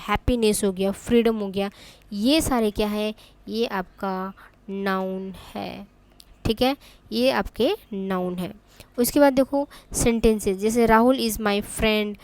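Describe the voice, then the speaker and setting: A woman teaching an exam-prep grammar lesson, often pausing on "ठीक है" and spelling examples out slowly. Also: a little high, darkish tone, no echo.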